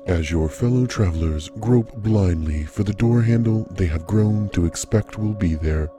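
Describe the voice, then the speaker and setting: A man voicing a calm, formal male station AI, with a deep metallic robot sound and a measured, clinical, overly formal way of talking.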